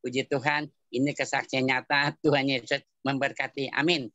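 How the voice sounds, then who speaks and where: A man giving a church testimony, telling his story in colloquial, animated style and repeating phrases for emphasis. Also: mid-range voice, moderate pace, no echo. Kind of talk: testimony at a prayer meeting.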